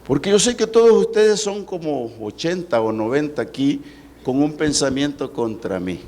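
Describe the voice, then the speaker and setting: Lively-voiced preaching pastor. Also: male voice. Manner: preaching with dramatic pitch swings and slowed emphasis. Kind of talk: sermon. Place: church service.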